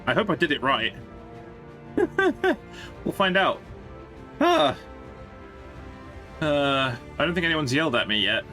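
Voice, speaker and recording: A man's voice: on the high side, big pitch swings, takes it slowly, pauses often, sharp tone, faint music behind. A man chatting casually on a game live stream, rambling and thinking aloud to his viewers.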